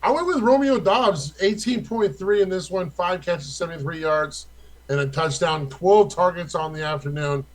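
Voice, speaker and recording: A man's voice: high-pitched, moderate pace, poor audio. A young man co-hosting a casual fantasy football chat, rattling off stats in a loose, profane way.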